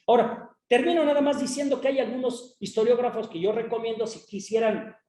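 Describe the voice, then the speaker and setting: A Mexican woman with a slightly higher voice lectures on a panel in an explanatory teacher's manner, often checking in with her listeners. The sound carries a roomy echo around her. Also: fairly quick, warm tone. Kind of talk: academic panel talk.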